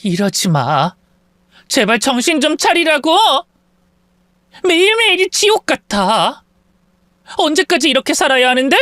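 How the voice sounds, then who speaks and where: A man's voice: extremely high pitch, very animated, normal speed, long pauses, fairly bright tone, no echo, clean studio sound, voice pushed up, heavily acted. A man voicing a furious, exhausted young wife and mother who scolds her husband, in a storytelling radio reading. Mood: desperate. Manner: indignant, scolding.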